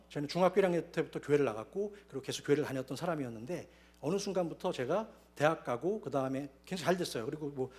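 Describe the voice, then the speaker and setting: A man preaching a sermon as pastor, telling his own story with lively storytelling. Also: fairly high pitch. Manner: animated storytelling, acting out quoted voices. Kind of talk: sermon with personal testimony. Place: church sanctuary.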